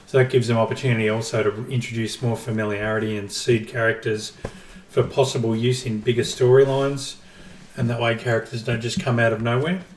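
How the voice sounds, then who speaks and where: A man's voice: medium pitch, little pitch movement, a little fast, slight background noise. A man co-hosting a casual gaming podcast, explaining his ideas at length with dry jokes. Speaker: podcast co-host. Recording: roomy, distant from the mic.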